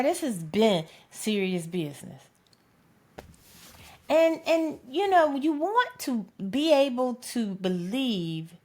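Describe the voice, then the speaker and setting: Woman commentator, heated and profane opinion monologue, mid-pitched voice. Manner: emphatic, profane, keeps asking "okay?". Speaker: political commentator.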